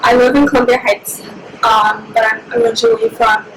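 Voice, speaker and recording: A young Egyptian university student, whose first language is Somali, is interviewed about her life and tells her story in a reflective, unhurried way. Her voice is high and flat, recorded in an echoey room with steady, clearly audible background noise.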